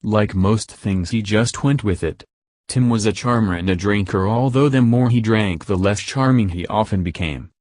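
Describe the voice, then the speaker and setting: A man reading an audiobook in a steady, measured narration, recorded close to the mic. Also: fairly low pitch, no room sound.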